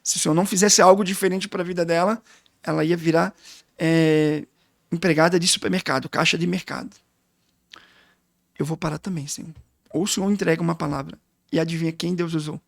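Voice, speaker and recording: A man's voice: a little high, fairly even intonation, brisk, vocal fry, pauses often, dry recording, clean studio sound. A middle-aged man with a Brazilian Portuguese accent, a guest pastor telling an emotional testimony full of quoted dialogue in a casual interview.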